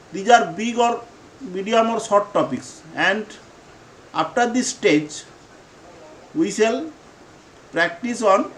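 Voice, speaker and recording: Slow, high-voiced English teacher. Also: male voice, fairly bright tone, reverberant, slight background noise, poor audio. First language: Bengali. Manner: slow, repeats each phrase for learners. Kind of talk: spoken English lesson.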